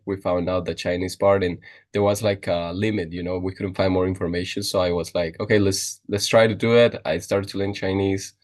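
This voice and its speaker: Young man, low voice. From Costa Rica. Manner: restarting, filler-heavy, lively. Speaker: podcast guest. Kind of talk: casual chat.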